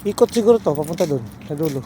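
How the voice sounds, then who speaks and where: A woman's voice: sits low, lively intonation, rapid-fire, warm tone. A woman filming a toddler outdoors on a phone, coaxing him along in sing-song baby talk mixed with English. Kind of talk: casual family vlog. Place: outdoor park on a hill. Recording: outdoor noise behind.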